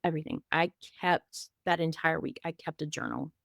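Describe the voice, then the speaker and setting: A woman's voice: sits low, flat delivery, normal speed, creaky, no room sound, studio quality. A middle-aged woman on a podcast, telling her story in a candid, emotional way, with many restarts and fillers. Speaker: podcast guest sharing her grief story. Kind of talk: casual conversational storytelling.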